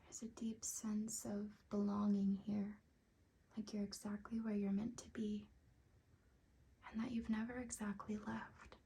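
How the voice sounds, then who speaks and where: A woman guides a meditation in a breathy, whispery ASMR style, speaking softly and soothingly with long, unhurried pauses. Her voice sits in the mid-range with little pitch movement, and there's slight background noise.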